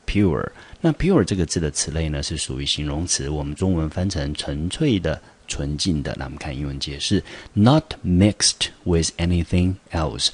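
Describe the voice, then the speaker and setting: A man's voice: extremely low pitch, a little mellow, husky. A man teaching English vocabulary in a patient, explanatory classroom manner, switching between Mandarin explanation and English example sentences. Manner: patient, explanatory, sprinkles fillers like 哎 and 好. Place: school video recording.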